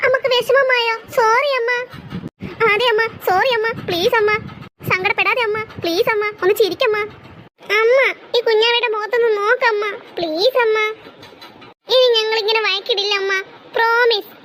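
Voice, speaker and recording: A woman's voice: extremely high pitch, moderate pace, a bit bright, slight background noise. A woman voicing two bickering little sisters in a cartoon, whiny and pleading. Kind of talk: cartoon voice acting.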